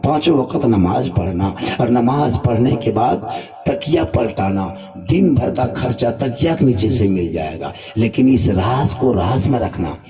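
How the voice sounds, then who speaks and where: A man voicing a calm, soothing saint. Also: mid-range voice, natural voice. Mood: reassuring. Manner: slow, soothing, measured instructions. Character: calm male saint giving counsel. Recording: distant mic, crowd around.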